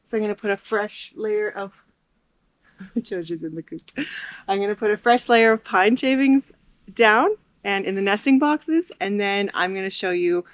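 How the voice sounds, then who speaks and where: A woman's voice: mid-range voice, moderate pace, no room sound. A young woman chatting casually to viewers while doing chores outdoors by a chicken coop, with frequent ums. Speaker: homesteading vlogger. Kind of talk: casual vlog narration.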